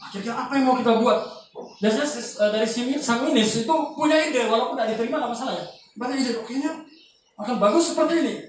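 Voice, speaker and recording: A man with a fairly high, loud voice gives a casual lecture, joking with his listeners as he goes. He is heard from a distance in a very echoey room, with faint noise behind him. His teaching is animated and full of asides. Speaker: youth group speaker.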